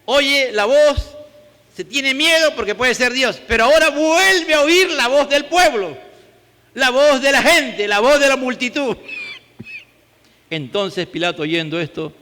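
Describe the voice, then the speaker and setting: A male pastor with a Peruvian accent preaching a fervent sermon, swinging from loud emphatic peaks to low prayer. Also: expressive, unhurried. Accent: Peruvian Spanish. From Peru. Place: church hall. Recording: church hall with long reverb.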